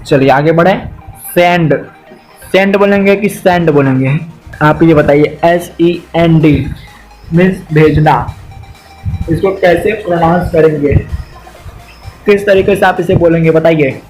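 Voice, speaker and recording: A man with an Indian accent teaching beginner English vocabulary, spelling each word out letter by letter and repeating it slowly. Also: fairly high pitch, steady tone, darkish tone, faint music behind, low-quality recording. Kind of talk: slow spelled-out vocabulary lesson.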